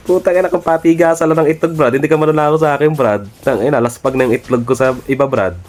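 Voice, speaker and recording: A man's voice: a little high, fairly even intonation, fast talker, hardly any pauses, a little mellow. A young man streaming a mobile game, bossing his teammates, swearing and trash-talking opponents in brash, repetitive calls. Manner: repetitive calls, tag word after most phrases; cocky, mocking laughs. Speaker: gaming streamer. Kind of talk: live mobile game commentary.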